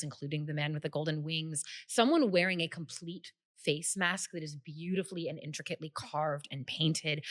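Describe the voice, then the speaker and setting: Low-voiced woman game master narrating. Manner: descriptive, relaxed, with fillers. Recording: long reverb, faint music behind.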